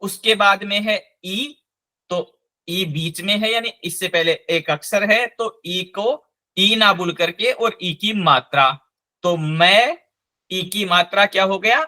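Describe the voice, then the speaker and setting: A man teaching a live online language class, slowly and patiently spelling out each sound. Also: high voice, pushed and bright.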